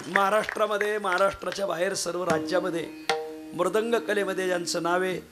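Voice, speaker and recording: A hoarse man with a fairly high voice preaches a devotional kirtan to a village crowd. His delivery is folksy and full of jokes aimed straight at his listeners. Faint instrumental music sits behind his voice. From Maharashtra. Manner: folksy, joking, addresses the audience directly. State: hoarse from three kirtans the day before. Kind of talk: devotional kirtan sermon with humor. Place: village gathering with harmonium and mridang accompaniment.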